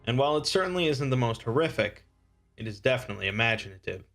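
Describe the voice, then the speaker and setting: A man reading scripted explainer narration in a measured, expository manner. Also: mid-range voice, animated, music in the background.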